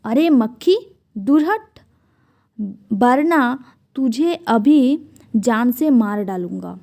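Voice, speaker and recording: A woman's voice: a little high, expressive, drawn-out words, warm tone, exaggerated voice. A woman voicing an angry male lion, king of the jungle, growling threats in a storybook reading.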